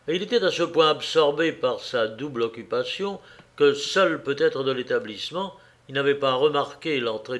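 A man narrating a classic novel as an audiobook, reading in an expressive, theatrical way. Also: mid-range voice.

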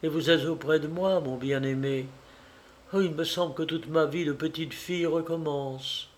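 A man voicing a soft-spoken trembling young bride. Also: on the high side, sing-song, unhurried, slight background noise. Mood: tender.

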